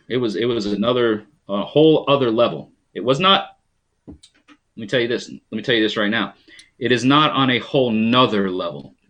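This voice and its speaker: Greeting his audience and reading their comments out loud, this live-stream host from rural New York talks in a casual, rambling way full of ums. His voice is medium in pitch with a fairly bright tone.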